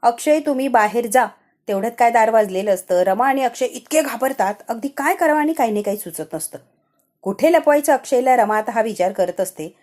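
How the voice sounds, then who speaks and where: Female recap narrator, higher voice, casual and chatty storytelling. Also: expressive, fairly quick, darkish tone. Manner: chatty, retells the plot and acts out the lines. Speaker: serial episode recap narrator.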